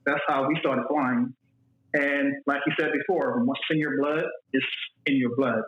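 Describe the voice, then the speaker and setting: Speaking at an unhurried pace in a steady, mid-range voice, a Mississippi man in his forties chats as an interview guest about working as a flight attendant. He's loose and rambling, often repeating himself. Slight background noise sits under echoey, phone-like audio.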